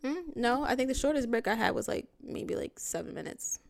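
A woman's voice: high voice, lively intonation, a little fast, gravelly. A woman in her thirties co-hosting a podcast, talking bluntly and profanely in casual chat. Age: 30s. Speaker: podcast co-host.

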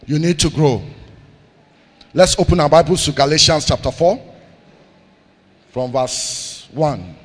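A pastor preaching a sermon, calling out questions for the congregation to answer and repeating key lines, swinging between loud declarations and soft asides. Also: male voice, fairly high pitch, measured pace, pauses often, slightly rough, big-room sound.

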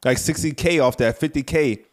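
A man's voice: on the high side, fairly quick. A man co-hosting a casual podcast who tells long, rambling stories, full of restarts and filler words. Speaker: podcast co-host.

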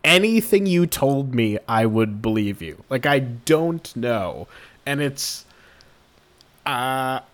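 Unhurried, expressive man in casual chat. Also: medium pitch. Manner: expressive, animated reactions, groans and sighs. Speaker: podcast co-host. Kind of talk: casual chat reviewing a TV episode.

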